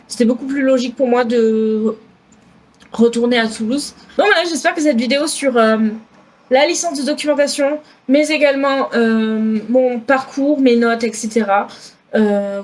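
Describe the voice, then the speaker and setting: Young southern french girl vlogging, chatty, keeps correcting herself, kinda high voice. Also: moderate pace, a little mellow. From France. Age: 20s. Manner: chatty, many fillers and self-corrections. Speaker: student vlogger. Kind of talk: casual vlog talk.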